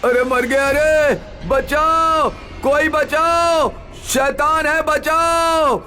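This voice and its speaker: A man voicing a foolish, easily frightened village husband in a comic, excitable manner. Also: measured pace. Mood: panicked. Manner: comic, high-pitched and excitable.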